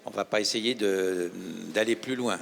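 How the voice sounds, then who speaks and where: A man speaking in a measured, cautious way as a guest in a studio debate. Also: on the low side, a bit bright. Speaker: guest panelist. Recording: reverberant studio with faint ambience.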